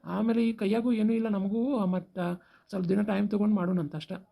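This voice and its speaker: Lady doing a village dad in a cartoon, gravelly and dark, north karnataka, talks super fast. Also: medium pitch, steady tone. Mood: placating. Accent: North Karnataka Kannada. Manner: placating, hurried. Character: worried village father, calm and reasonable.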